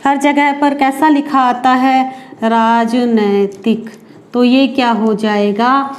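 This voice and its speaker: Slow, high-voiced woman teaching grammar. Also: flat delivery. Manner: slow and deliberate, stretching out example words; asks and answers her own questions. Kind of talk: spoken grammar lesson for exam students.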